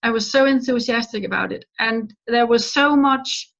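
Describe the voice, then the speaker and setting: Gravelly woman on a dull line. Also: a little high, a bit bright. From Denmark. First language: Danish. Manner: earnest, halting with restarts. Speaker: guest author. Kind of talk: remote interview answers. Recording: dull lo-fi call audio.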